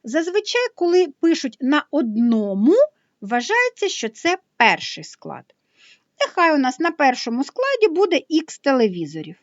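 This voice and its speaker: Lively teacherly woman explaining math. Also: sits high, moderate pace, no room sound, dull audio. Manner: patient, step-by-step explaining.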